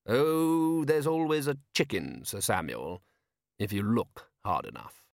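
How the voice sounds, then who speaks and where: A man voicing a suave, cunning male city ruler in an audiobook, unhurried and faintly amused. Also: medium pitch, creaky, no echo, clean studio sound. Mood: wry.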